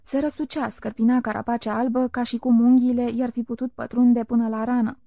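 A woman narrating a literary audiobook in a calm, measured reading voice. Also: a little high, vocal fry, no echo. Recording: dull lo-fi recording.

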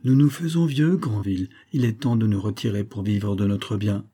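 A man's voice: lowish voice, moderate pace, mellow, natural voice. A man reading the part of a bored, spiteful married woman, weary, sardonic and impatient, in an audiobook.

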